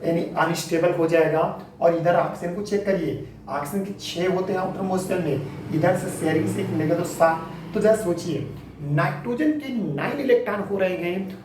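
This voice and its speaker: A man's voice: high-pitched, darkish tone, far from the mic, a little hiss or hum. A man teaching chemistry in a classroom lecture, working through a reaction step by step, often asking rhetorical questions and calling students "beta". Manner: explains step by step, calls students 'beta'; checks understanding with rhetorical questions. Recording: echoey room, mic set back, faint ambience.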